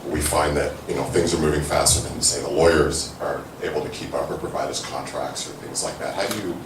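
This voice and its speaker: A man's voice: very deep voice, steady tone, brisk. A man in the audience asking a hesitant question, with many fillers. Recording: distant mic in echoey hall, noise.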